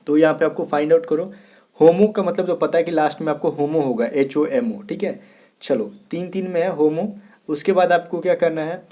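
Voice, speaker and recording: In a fairly high, warm voice, a man from India leads students through exam preparation. He spells words slowly letter by letter, checks in with the class frequently, and repeats "theek hai" often.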